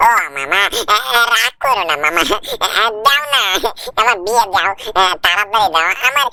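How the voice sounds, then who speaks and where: A woman voicing a cheeky, lovesick little boy in a game fan dub, whiny and teasing with drawn-out calls. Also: a little high, sing-song, vocal fry, sharp tone, no room sound, exaggerated voice. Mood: begging.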